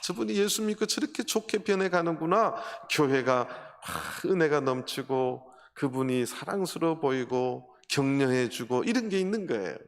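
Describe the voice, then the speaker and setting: A man preaches a sermon, telling stories and firing rhetorical questions at his congregation. His voice sits on the higher side for a man. The sound rings with the long reverb of a large church hall. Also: vocal fry. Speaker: pastor. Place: church sanctuary.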